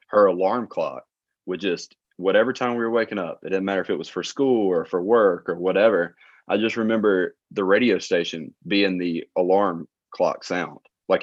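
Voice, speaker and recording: A low-voiced man in his late twenties with a Southern Alabama accent, telling stories at an easy pace with plenty of ums and uhs. The sound is dry and a little dull, like a dead podcast room. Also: no room sound. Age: late 20s. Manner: relaxed storytelling with filler words and laughs. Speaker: guest, tour manager. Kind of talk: casual interview chat.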